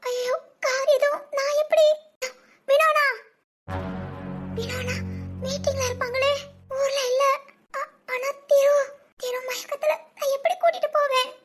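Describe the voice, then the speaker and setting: Cartoon voice: woman playing a panicked, tearful young wife, very high and squeaky, stammering. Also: fairly even intonation, moderate pace, faint music behind. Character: frantic young woman, devoted to her husband. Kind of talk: cartoon voice acting.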